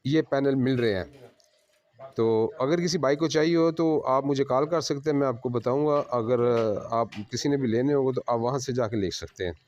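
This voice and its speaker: A man working as a solar installer, giving a plain, unhurried on-site explanation of his work to viewers at a house. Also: medium pitch, a little mellow, slight background noise.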